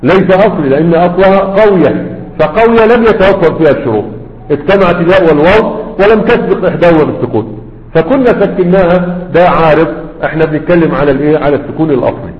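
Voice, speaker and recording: This classroom lecture comes from an Arabic grammar teacher with an Egyptian accent, whose fairly high voice moves quickly with lively intonation. He keeps checking in by asking his students "right?", and the audio is lo-fi and dull in an echoey hall.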